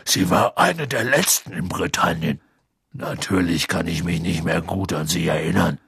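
A man voicing a huge, gruff, lonely half-giant gamekeeper with a deep husky voice and slow, halting speech. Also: fairly bright tone, no echo, clean studio sound, full character voice. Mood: wistful. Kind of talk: audiobook character voice.

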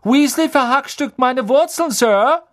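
A man's voice: lively intonation, unhurried, a bit bright, exaggerated voice. A man voicing a spoiled, smug schoolboy with a whiny, mocking drawl in an audiobook. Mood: whining, mocking. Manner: nasal drawl, shrill and mocking.

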